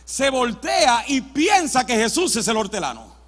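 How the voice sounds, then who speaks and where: High-voiced preacher in a hall. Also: male voice, unhurried, faint music behind. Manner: dramatic, animated storytelling preaching. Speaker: pastor. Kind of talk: sermon. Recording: long church-hall reverb.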